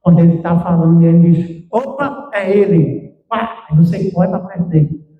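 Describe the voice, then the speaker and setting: Brief: high-pitched male pastor, preaching with emphatic swings, recorded from afar in an echoey, muffled church. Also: level tone, fairly quick, recorded from a distance. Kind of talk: sermon. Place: church sanctuary.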